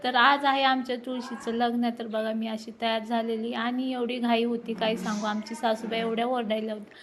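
A woman in her thirties chatting excitedly to viewers while filming a family ceremony at home on her phone. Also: a little high, moderate pace. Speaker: vlogger. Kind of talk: casual vlog narration. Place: at home during a family ceremony, indoors and outdoors. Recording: faint background noise.

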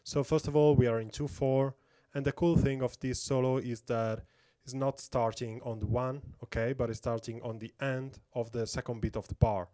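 A man's voice: mid-range voice, steady tone, moderate pace, few pauses, mellow. A man giving a step-by-step drum lesson, counting beats aloud and often checking in with "okay?". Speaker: drum teacher. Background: metronome clicks.

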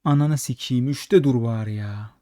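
A man giving casual, frustrated slot commentary, swearing constantly and talking at the machine, slightly hoarse late at night. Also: mid-range voice, normal speed, dark tone, no echo, clean studio sound. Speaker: slot streamer.

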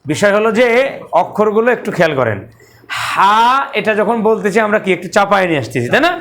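High-voiced man teaching pronunciation. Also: lively intonation, fairly quick, fairly bright tone. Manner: patient, repeats letters for students to echo. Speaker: Quran recitation teacher. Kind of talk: live class instruction with drills. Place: classroom with students.

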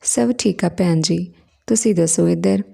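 A woman's voice: lowish voice, measured pace, creaky, dark tone, exaggerated voice. A woman voicing an older mother-in-law who talks in a polite, worried way, in a storybook reading. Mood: fretful.

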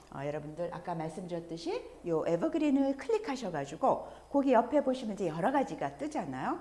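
A woman teaches an online lesson on English pop songs, her voice rising and falling in a lively way. She talks warmly to the viewers with small fillers and slows down to model each English word with care. The recording has a roomy echo. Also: on the low side, slight background noise. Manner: explains patiently, models English words slowly and clearly; animated, speaks straight to viewers with many fillers.

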